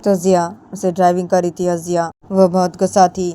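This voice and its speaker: A woman's voice: fairly low pitch, level tone, fairly quick, mellow, smooth. A woman narrating a romantic story in a plain, repetitive storytelling manner.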